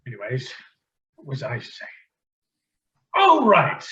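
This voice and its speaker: An actor playing a flustered, old-fashioned dad in a comedy sketch, stammering and drifting off topic. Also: male voice, mid-range voice, wildly swooping pitch, slow, bright, forceful tone, highs cut off, slight background noise, full character voice. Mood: fatherly. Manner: flustered, easily sidetracked, stammering. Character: rambling old-fashioned middle-aged dad. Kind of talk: amateur comedy sketch acting.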